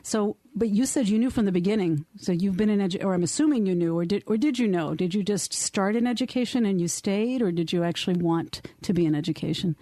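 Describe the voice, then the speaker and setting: A woman's voice: mid-range voice, fast, few pauses, dark tone, dry recording. A woman hosting a radio interview in a studio, chatty, with many fillers and restarts. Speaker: radio talk show host. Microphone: studio microphone.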